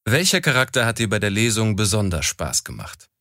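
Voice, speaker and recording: A male interviewer asking clearly phrased questions in a low voice with a lot of melodic movement. The recording is dry and close, with no room sound. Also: huge pitch swings, fairly quick, bright, forceful tone, no echo.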